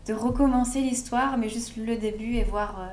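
A woman, a gaming YouTuber, chatting excitedly through a let's play with many fillers. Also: fairly high pitch, normal speed, slight background noise. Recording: echoey room with music.

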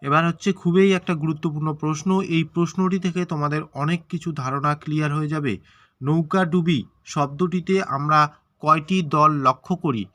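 Bright-voiced man teaching grammar. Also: on the high side, fairly even intonation, a little fast, no room sound. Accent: Bengali. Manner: repeats and stretches syllables to show pronunciation; asks questions then answers them himself. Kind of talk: exam-prep grammar lesson.

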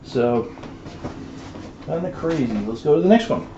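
Warm, animated and a little high, the man's voice moves at an unhurried pace. He is a storage unit reseller in his forties, rambling through a casual home office vlog with many fillers while showing items on camera indoors. The highs are cut off, and there's a slight hiss or hum.

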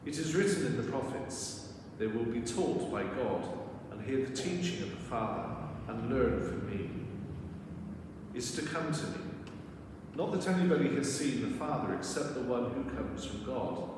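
A man serving as a priest, proclaiming the gospel and preaching a homily in a measured, solemn way, with a cathedral echo around his voice. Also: medium pitch. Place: large church. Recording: long echoey church reverb with steady background noise.

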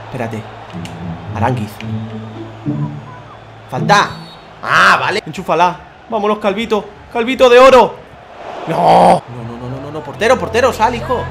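A young man commentating his football video game, shouting, groaning and swearing as he plays. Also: sits high, big pitch swings, measured pace, creaky, long pauses, soft background music. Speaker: gaming youtuber. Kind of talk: excited gameplay commentary.

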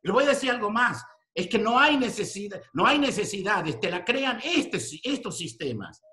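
A man in his sixties preaching a sermon to ministers, firing rhetorical questions and swinging between quiet talk and shouting. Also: high-pitched, very animated, moderate pace.

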